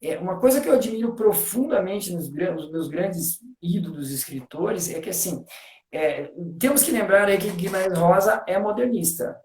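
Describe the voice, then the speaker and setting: A man's voice: high-pitched, normal speed, a little mellow. Man explaining eagerly in a roomy echo. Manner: explains eagerly, full of "né", counts and taps out rhythms aloud. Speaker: guest discussing literature. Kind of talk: casual explanatory talk on a live stream.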